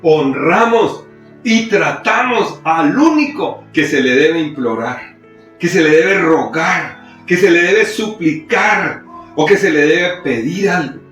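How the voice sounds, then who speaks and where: A Colombian man preaching a sermon as pastor, his voice swinging between loud high bursts and quiet low stretches. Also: expressive, slow pace, heavy reverb, distant mic, faint music behind. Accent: Colombian Spanish. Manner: preaching with sudden rises and drops in pitch and loudness. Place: church.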